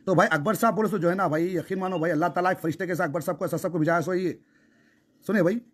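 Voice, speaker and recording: On a recorded phone call, a man from Hyderabad, India, with a Hyderabadi accent, presses his case insistently and with passion, often repeating himself. His voice is high-pitched and fast.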